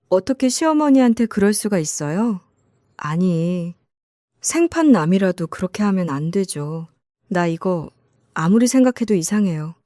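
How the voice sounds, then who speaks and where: A woman's voice: medium pitch, dark tone, no room sound, clean studio sound, lightly acted. A woman narrator voicing an indignant grown daughter who urgently defends her mother. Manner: urgent, insistent.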